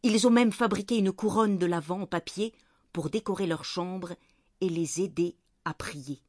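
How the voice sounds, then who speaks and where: A woman reads a children's Christmas story aloud in a clear, gentle, measured voice. Her pitch sits on the lower side for a woman. The recording is dry and close, with no room sound. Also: dry recording. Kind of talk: storybook narration read aloud.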